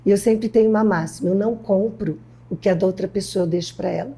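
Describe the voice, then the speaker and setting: Brief: older Brazilian woman, interview guest, husky and mellow, emphatic storyteller who acts out quotes. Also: mid-range voice, quick pace. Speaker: guest educator. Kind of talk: interview conversation.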